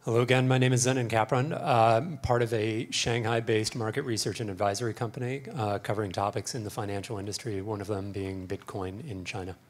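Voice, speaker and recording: A man speaking on a conference panel in a measured, hedging way. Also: on the low side, fairly even intonation. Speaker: panelist, market researcher.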